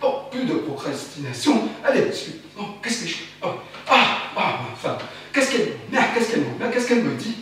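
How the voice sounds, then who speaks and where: A man performing a theatrical spoken-word monologue, chanting and repeating words frantically, asking himself quick questions and answering them, swinging between loud outbursts and hushed muttering. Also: high voice, very animated. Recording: very roomy, distant, faint background hiss.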